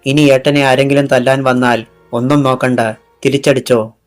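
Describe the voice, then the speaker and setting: A man's voice: medium pitch, little pitch movement, moderate pace, soft background music, lightly acted. A man voicing a fierce young policewoman who swears revenge, speaking with intense resolve in an audiobook. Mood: reassuring. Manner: intense vowing speech.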